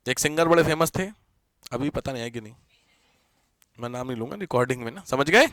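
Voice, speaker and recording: A man teaching a Hindi grammar class, repeating examples slowly, often asking the students whether they have understood and mixing English words into his Hindi. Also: medium pitch, animated, fairly bright tone, no room sound. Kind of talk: classroom lecture.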